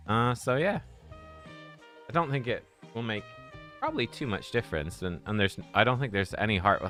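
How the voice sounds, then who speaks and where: A young man hosts a casual live stream, rambling through chat and laughing as he talks. His voice is bright and swings widely in pitch. Faint music plays behind him. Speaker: game streamer.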